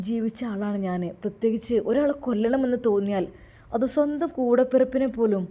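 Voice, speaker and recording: A woman voicing a young man, a former thug who now speaks in an earnest, halting, questioning way. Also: on the high side, warm tone, close to an everyday voice.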